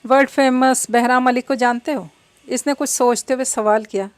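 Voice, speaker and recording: Woman narrator reading a novel aloud, even and steady, slightly high voice, dry close sound. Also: normal speed, no echo.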